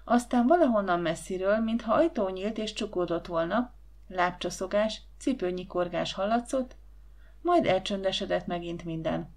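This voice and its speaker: A woman narrating a children's storybook audiobook in a gentle, even storytelling manner. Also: mid-range voice.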